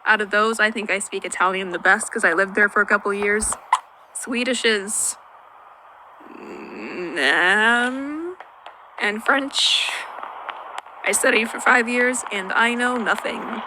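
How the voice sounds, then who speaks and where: With background noise behind her, a young woman from Finland takes it slowly in a medium-pitched voice, answering viewers' questions. Her Q&A voice-over for her YouTube vlog is dry and self-deprecating, and Finnish is her native language.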